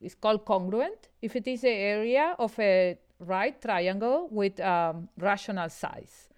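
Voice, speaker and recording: Smooth-voiced woman from Argentina explaining math. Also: medium pitch, lively intonation. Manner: explanatory, halting with fillers. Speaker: guest, math professor. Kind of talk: podcast interview.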